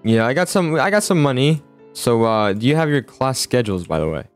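The host of a roleplay gaming video chats casually in an improvised game roleplay, often stammering and repeating words. His mid-range voice is expressive and fairly quick, with music in the background.

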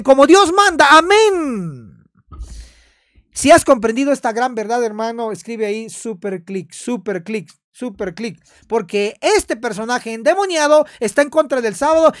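A man's voice: very high voice, dry recording, studio quality. A man, a pastor, commenting on a video in a sermon style, emphatic and repeating his phrases.

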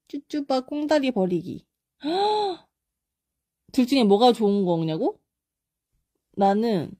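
A young woman casually chatting on a live stream, reading viewer comments aloud and answering quick either-or questions. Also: on the high side, dark tone, dry recording, studio quality.

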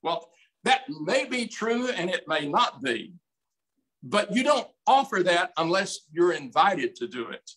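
A man in his eighties preaching a sermon as pastor, slow and emphatic in a folksy way, recorded on a desk mic in a small room. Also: sits high, fairly bright tone, rough recording. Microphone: desk mic on stand, streamed over video call.

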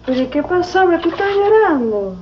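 An actress playing a teasing, sharp-tongued woman with a Venezuelan accent. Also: very high voice, very animated, brisk, a little hiss or hum. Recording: dull TV audio with music.

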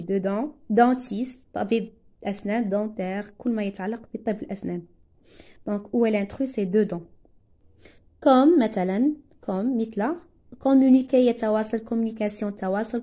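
A young woman with a Moroccan accent leads a French lesson for pupils, slowly repeating each word. Her voice sits a little high but sounds mellow and soft. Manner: slow, drawn-out repetition of words for pupils, switching into Arabic to translate. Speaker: French teacher. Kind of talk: classroom lesson explanation.

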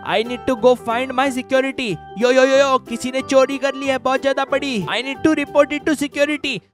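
A man voicing a brash, hyper young male speedster hero in a game role-play, loud and full of slang. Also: very high voice, little pitch movement, slow pace, faint music behind. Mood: panicky. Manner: loud, shouty, slang-filled "yo yo" chatter.

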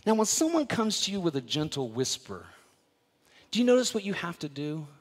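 A middle-aged man, a pastor, preaching a lively sermon that swings from loud emphasis to hushed asides with self-deprecating humor. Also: fairly high pitch, normal speed. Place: church sanctuary. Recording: live church hall with long reverb.

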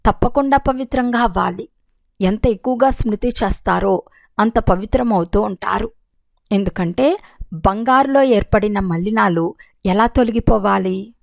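A woman reading a religious discourse aloud in a steady, measured way. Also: medium pitch, gravelly, no room sound. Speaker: reader of a spiritual discourse.

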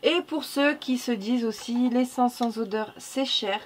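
A woman's voice: a little high, unhurried, slight background noise. A woman with a non-standard French accent chatting casually through a coloring tutorial, correcting herself, muttering "hop" as she works and laughing at her own slips. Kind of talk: casual narrated drawing tutorial.

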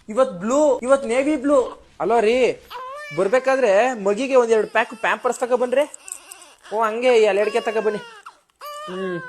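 A man's voice: very high voice, a little hiss or hum. A man acting as a fussy, gossipy young village mother just after childbirth, nagging and chattering on the phone in a comic skit. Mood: whiny, demanding.

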